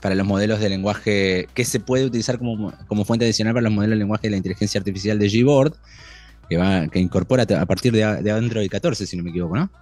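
A man co-hosting a casual tech podcast, talking with many restarts and fillers and reading news quotes quickly. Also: lowish voice, a little mellow, soft background music. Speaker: podcast co-host.

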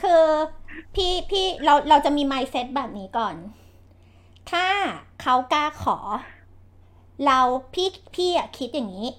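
A woman hosting a podcast chat, giving blunt, lively advice with frequent laughter and slangy speech. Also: high voice, slow pace. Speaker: podcast host and real estate agent.

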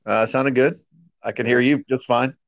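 A man's voice: medium pitch, steady tone, normal speed, vocal fry, no room sound. A man chatting casually as a podcast guest over a speakerphone call, rambling and restarting his sentences. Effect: heard over a speakerphone call. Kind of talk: casual chat. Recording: dull lo-fi speakerphone line, dry.

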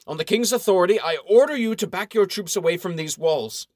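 A bold royal official laying down the law in formal, measured speech, as a male narrator puts him on. The voice is lifted above the narrator's usual pitch and sounds dry and close. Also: dry recording.

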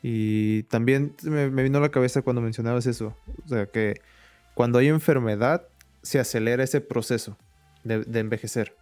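A young man hosting an interview, relaxed and thinking aloud as he asks questions. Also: medium pitch, normal speed, clean tone, faint music behind. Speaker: interviewer, host. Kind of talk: casual interview chat.

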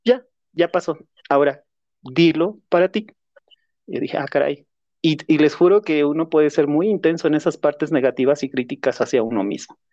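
A man's voice: a little high, darkish tone, no echo, lo-fi sound. A man, a podcast co-host and therapist, telling personal stories in a reflective, self-deprecating way. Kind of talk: casual personal storytelling.

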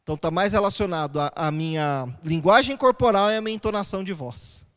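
A male pastor with a notably high voice teaches in a relaxed, conversational way, often asking the room rhetorical questions. His words hang in a long church reverb. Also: fast talker, clean tone. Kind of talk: sermon.

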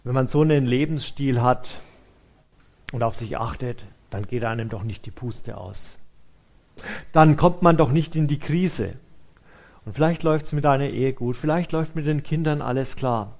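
A man's voice: mid-range voice, moderate pace, darkish tone. A male pastor preaching a sermon, addressing listeners directly with rhetorical questions.

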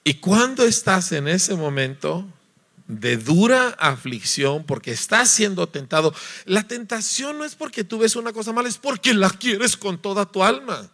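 Male preacher, lively sermon delivery, bright, forceful voice pitched a little high. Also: normal speed. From Mexico. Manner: animated, acts out voices, sings notes, asks listeners "¿verdad?".

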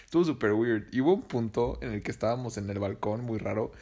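A man's voice: lowish voice, fast talker, mellow. A young man with a Mexican accent telling a personal story in a casual, slangy, profane and rambling way.

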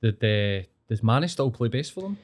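A man's voice: mid-range voice, big pitch swings, moderate pace. A man with a broad Glasgow street accent, telling anecdotes in casual chat full of slang and heavy swearing. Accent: Glaswegian.

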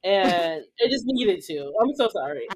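A woman's voice: fairly low pitch, sing-song, measured pace, husky. A woman co-hosting a casual podcast, dramatic and joking, often laughing. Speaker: podcast co-host. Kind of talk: casual chat.

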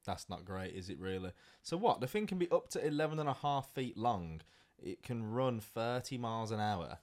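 A man's voice: medium pitch, sing-song, moderate pace. A man co-hosting a podcast, telling stories in a laid-back, swearing chat. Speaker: podcast co-host. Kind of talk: casual chat.

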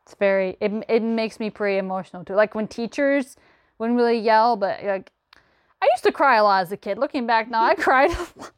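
A fairly high-voiced woman hosts a relaxed podcast chat with a friend. She talks in a chatty, repetitive way and laughs often. The sound is close and dry, with no room echo. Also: a little fast, smooth. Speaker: podcast host. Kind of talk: casual chat.

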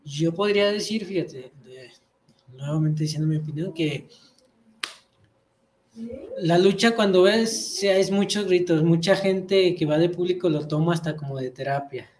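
A man interviewing a guest, offering his own view in a soft-spoken way with short agreeing interjections. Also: a little high, moderate pace, a little hiss or hum. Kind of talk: interview chat.

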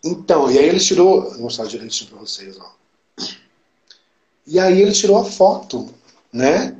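A man with a Brazilian Portuguese accent, his voice sitting a bit higher than most men's. He talks in a casual, excited way, repeating words for emphasis and acting out the lines of other people as he tells his story. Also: normal speed, muffled recording. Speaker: podcast guest. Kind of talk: casual chat.

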